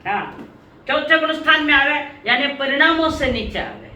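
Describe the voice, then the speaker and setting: A woman teaching a religious lesson to an online class. She speaks slowly and deliberately, repeats her points and calls on her students by name. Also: high voice, big pitch swings, bright, forceful tone, reverberant, recorded from a distance, low-quality recording.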